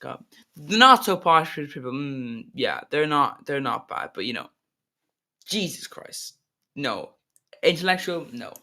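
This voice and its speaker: A man reacts to a video in casual commentary. He talks hesitantly and rambles as he goes. His voice is bright and sits slightly high. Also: very animated, normal speed.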